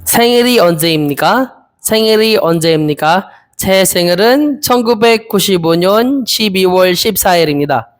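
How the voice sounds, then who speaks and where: A young man in his twenties from the Philippines, practicing Korean interview answers aloud, hesitant and repeating each phrase slowly. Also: sits high, lively intonation. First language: Filipino. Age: 20s. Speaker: Korean language learner.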